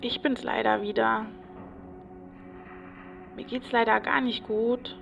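A paranoid, rambling patient. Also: female voice, on the high side, flat delivery, slow pace, gravelly, distant mic, muffled recording, soft background music, full character voice. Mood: fearful. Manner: rambling, obsessive and repetitive. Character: agitated, paranoid woman psychiatric patient. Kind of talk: radio play monologue.

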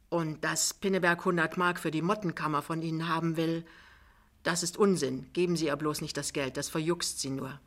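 A towering, jovial schmoozer of a man who talks on and on and turns loud when he is in a rush, as a woman reads him. The tone is bright and sharp, sitting somewhat low. It is an audiobook reading. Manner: chatty, overbearing, loud when hurried. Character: big boastful talkative man, jovial schmoozer.

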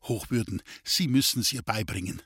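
A man's voice: on the low side, normal speed, fairly bright tone, breathy edge, dry recording, clean studio sound. A man voicing a proud, stubborn young soldier with a Bavarian accent, speaking eagerly and insistently. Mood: determined.

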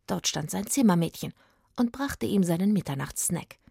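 Storyteller: woman reading a children's tale, slightly husky, dry close sound. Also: on the low side, normal speed, dry recording. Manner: expressive, sometimes hushed.

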